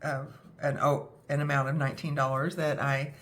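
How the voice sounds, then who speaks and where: In casual talk to camera, a young adult woman who vlogs about budgeting sounds scratchy-throated from a cold, filling her self-deprecating chatter with fillers. Her low, rumbling voice has little pitch movement and a moderate pace.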